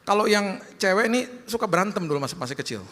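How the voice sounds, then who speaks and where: A male pastor with a fairly high, bright and forceful voice preaches in an easy, conversational manner. His speech carries a long reverb from a large church hall. He often slips into acted voices for the people he quotes. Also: animated, fast talker. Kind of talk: sermon.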